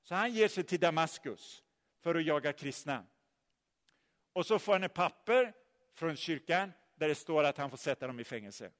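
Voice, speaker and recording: A man preaching a sermon, telling the story in a lively way and putting questions to his listeners. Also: fairly high pitch. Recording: long hall reverb.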